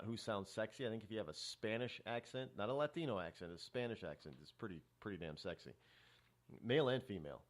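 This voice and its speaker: A middle-aged man hosting a talk show, rambling through a casual monologue with many restarts and fillers. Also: medium pitch.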